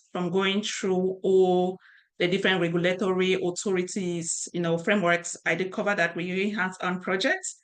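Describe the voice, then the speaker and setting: A middle-aged Cameroonian woman, a cybersecurity instructor, presents an online training session over a webcam video call. She speaks conversationally with fillers and restarts, her voice on the low side and a bit bright.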